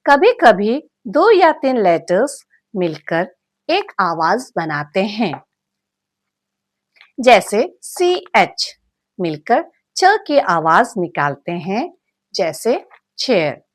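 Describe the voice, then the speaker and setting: A woman narrating a scripted phonics lesson, slowly spelling out sounds and syllables and mixing in English words. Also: mid-range voice, very animated, no echo, studio quality. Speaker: phonics teacher.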